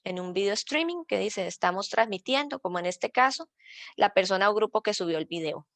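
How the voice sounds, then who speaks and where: A woman's voice: medium pitch, animated, a little fast, a bit bright, no echo. A woman from Rica, a librarian patiently explaining citation rules step by step in an online workshop. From Costa Rica. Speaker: librarian teaching citation style.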